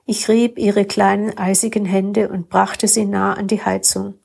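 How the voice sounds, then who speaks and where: A woman reading a first-person story aloud with calm, steady narration. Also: medium pitch, unhurried, creaky, husky. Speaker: story reader.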